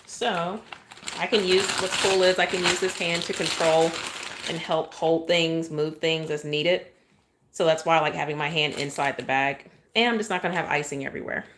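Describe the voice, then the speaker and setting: A woman's voice: sits low, fairly even intonation, normal speed, background noise. A chatty woman, demonstrating cake decorating on a live stream and often thanking her viewers.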